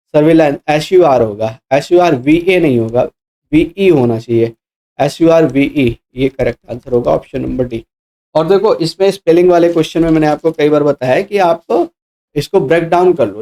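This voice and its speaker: A man's voice: a little high, mellow. A male teacher for exam prep who explains answers step by step, spells letter by letter and corrects himself as he goes. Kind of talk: explaining mock test answers.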